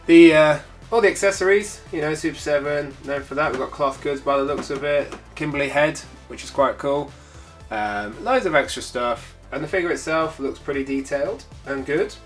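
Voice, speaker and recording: With faint music behind him, this male host of a toy collecting channel talks at a normal speed in a fairly high voice. Congested from a cold, he rambles chattily through the unboxing of a collectible, dropping in lots of filler sounds.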